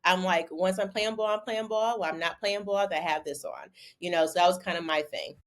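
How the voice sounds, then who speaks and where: Animated woman from Connecticut telling stories. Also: on the low side, brisk. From Bridgeport, Connecticut. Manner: animated storyteller, repeats words when excited. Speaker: interview guest, former basketball player turned model. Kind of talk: casual interview conversation.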